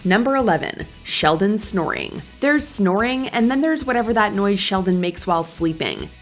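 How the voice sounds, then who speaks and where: A woman reading scripted countdown narration in a clear, measured presenter style. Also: mid-range voice, sing-song, faint music behind.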